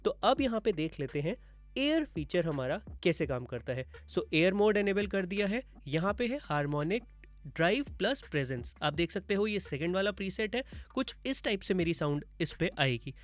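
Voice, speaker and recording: A gear reviewer with an Indian accent and a high, very animated voice walks through a product demo in his home studio, explaining features step by step at a moderate pace while mixing English terms into Hindi. Faint music plays behind him. He starts on a wireless mic, then switches to dynamic and condenser mics.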